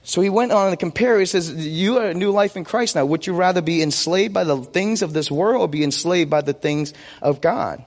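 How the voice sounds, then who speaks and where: Sitting high in pitch, this man's voice moves fairly quickly with hardly any pauses. He's a U.S.-based preacher in his forties, a native Vietnamese speaker, sharing personal stories and posing his own questions to answer in a casual sermon. The sound carries a long hall reverb.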